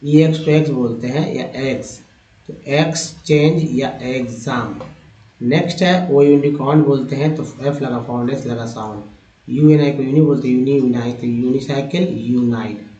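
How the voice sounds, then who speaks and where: A man's voice: medium pitch, steady tone, warm tone, far from the mic. Man teaching phonics in a roomy echo. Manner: explains spelling patterns slowly, repeating words. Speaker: English teacher. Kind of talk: phonics lesson. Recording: dull roomy sound from off-mic.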